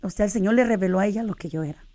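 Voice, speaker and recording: On a radio interview, a middle-aged woman gives her faith testimony earnestly, addressing listeners as sisters. She speaks at a racing pace in a mellow, mid-range voice.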